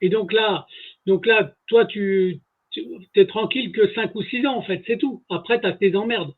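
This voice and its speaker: A man's voice: sits high, moderate pace. A man interviewing informally, with short, casual remarks. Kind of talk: casual chat. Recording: tinny phone-like line.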